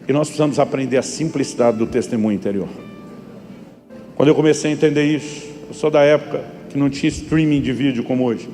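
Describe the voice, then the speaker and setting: Fast-talking Brazilian preacher in a hall. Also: male voice, mid-range voice, mellow. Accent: Brazilian Portuguese. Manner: storytelling preacher who acts out dialogue. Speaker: pastor. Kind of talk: sermon. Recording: long hall reverb with music behind.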